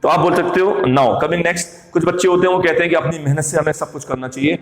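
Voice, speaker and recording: A man's voice: on the high side, fast. A man teaching English pronunciation in Hindi mixed with English, repeating words and quizzing his viewers. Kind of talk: spoken English lesson. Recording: echoey room with long reverb.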